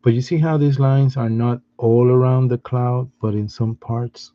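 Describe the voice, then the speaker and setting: A man giving a step-by-step drawing lesson in a patient, soft-spoken way, often restarting his sentences. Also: mid-range voice, steady tone, measured pace, no room sound, dull audio. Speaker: art teacher.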